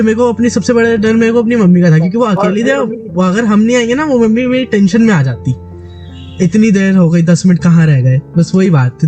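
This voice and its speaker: A gaming YouTuber from Delhi, India, tells a friend a story in casual chat, speaking animatedly and restarting often. His voice is high-pitched with a darkish tone, and his throat sounds sore and dry.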